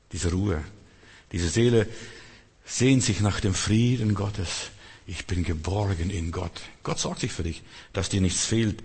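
A man preaching a sermon in an earnest way, acting out quotes and dropping to soft tones. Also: on the low side, husky. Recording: long reverb in a large hall.

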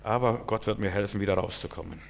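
A male preacher giving a sermon, speaking straight to his listeners and swinging between hushed and loud, emphatic lines. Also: lowish voice, fast, creaky, long reverb tail, a little hiss or hum.

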